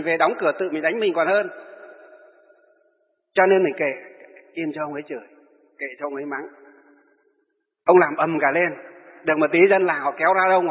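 A middle-aged man, a Buddhist monk, giving a wry, chatty storytelling talk and laughing at his own anecdotes. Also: a little high. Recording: tinny, lo-fi, long hall reverb.

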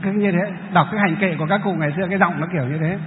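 A Buddhist monk teaches a large hall in a high, talkative voice, explaining patiently and tossing questions to his listeners. His words ring out with a long echo through the room, over a faint background hiss, and the whole recording sounds narrow like a phone line. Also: racing. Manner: explanatory, chatty, quizzes the audience. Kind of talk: dharma talk to a hall audience.

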